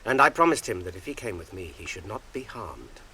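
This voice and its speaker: Frodo, a soft-spoken earnest hobbit. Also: male voice, sits low, sing-song, a little fast, husky, exaggerated voice, rough recording. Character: earnest young male hobbit, gentle and loyal. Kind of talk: radio drama acting.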